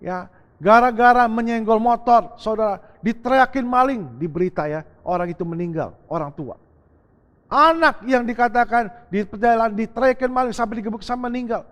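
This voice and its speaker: A man preaching a sermon as pastor, swinging between loud bursts and soft lines as he acts out a story. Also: extremely high pitch, moderate pace. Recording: long reverb of a church hall.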